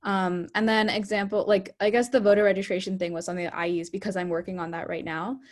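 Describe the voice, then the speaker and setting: A woman's voice: mid-range voice, flat delivery, fast. A young woman in her twenties, a product manager speaking on an online panel, who fills her speech with "like" and stumbles now and then.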